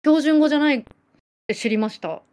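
A woman's voice: high voice, quick pace. A woman in her late thirties from Japan, with a Nagasaki island accent, chatting casually on a livestream, reading viewer comments and telling stories with giggles. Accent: Nagasaki island dialect. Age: late 30s. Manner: chatty, giggly, animated storytelling. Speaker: livestream host.

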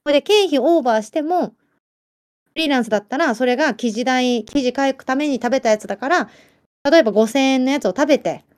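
A woman with a Kyushu accent chatting casually as a livestream host, lively and laughing often while answering viewer comments. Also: high-pitched, fast. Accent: Kyushu Japanese. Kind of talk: casual chat.

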